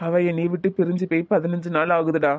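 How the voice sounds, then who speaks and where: A man's voice: on the high side, little pitch movement, fast talker, phone-quality sound, close to an everyday voice. A man voicing a troubled, jobless young man in a cartoon, with heavy, regretful talk in a Tirunelveli Tamil accent. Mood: weary. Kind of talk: cartoon voice acting.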